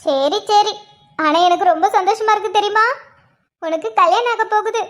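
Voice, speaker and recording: A woman voicing a mischievous younger sister in an animated cartoon, teasing and gleeful. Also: very high voice.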